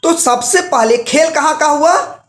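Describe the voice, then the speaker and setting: A man's voice: very high-pitched, unhurried, echoey room. A man giving a live motivational seminar talk, quizzing the audience with rhetorical questions and telling stories with acted-out examples. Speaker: motivational business trainer.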